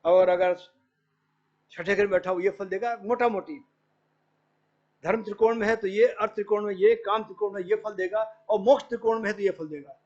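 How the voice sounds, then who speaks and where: A man's voice: high-pitched, fairly even intonation, fairly quick, a little mellow. A middle-aged male professor giving an academic lecture, explaining patiently and quoting Sanskrit verses. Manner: explains patiently, quotes Sanskrit verses, mixes in English words. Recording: dull lo-fi lecture recording.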